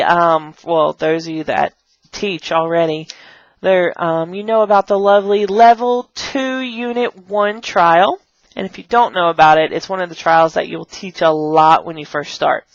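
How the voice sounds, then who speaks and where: A young online English teacher talks at normal speed in a mid-range voice, chatting in a rambling, bubbly way as she shows props and puts on playful kid voices. It's recorded at home on a camera mic, sounding dull and dry.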